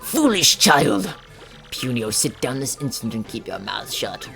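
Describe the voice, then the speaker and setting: A man voicing a stern old woman elder who scolds and lectures in a gruff way in a video game. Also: medium pitch, big pitch swings, unhurried, music in the background. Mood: scolding.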